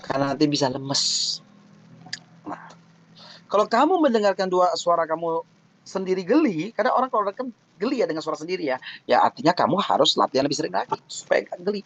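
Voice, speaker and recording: A man gives a casual, joking webinar talk with thesis defense tips, lively and often acting out little mock quotes to make his points. His voice is high and fast, and the online webinar mic gives poor audio.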